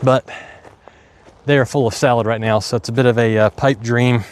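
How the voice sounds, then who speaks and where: A man's voice: mid-range voice, fairly even intonation, normal speed, slight background noise. A man with an Appalachian hillbilly twang, giving casual, folksy commentary as he works and thinks aloud on a livestream. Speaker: farmer livestreaming his work. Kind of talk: casual impromptu livestream commentary while working. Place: outdoors in a windy farm garden.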